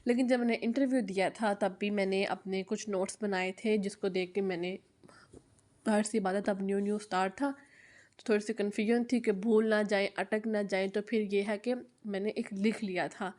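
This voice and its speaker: A woman's voice: mid-range voice, fairly even intonation, moderate pace, darkish tone. A young woman giving a casual, chatty how-to talk about teaching online, with frequent fillers and repeated phrases.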